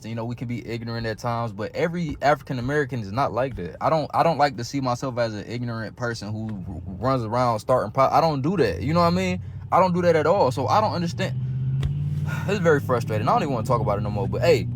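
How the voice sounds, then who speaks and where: Fast-talking man telling a story with exasperation. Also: medium pitch, a little hiss or hum. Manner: casual slangy storytelling, exasperated. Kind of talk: storytelling vent to camera.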